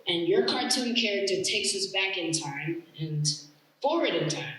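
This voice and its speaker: A man's voice: high voice, animated, normal speed, a bit bright. Giggly young-sounding man on a call. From Connecticut. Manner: light-hearted and giggly, with many fillers. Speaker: actor and guest. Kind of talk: casual interview over video call. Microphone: video call. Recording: echoey room with faint noise.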